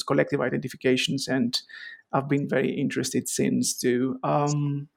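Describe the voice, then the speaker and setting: A man's voice: medium pitch, vocal fry. A man from Greece, a historian guest on a podcast interview, speaking with many fillers and restarts.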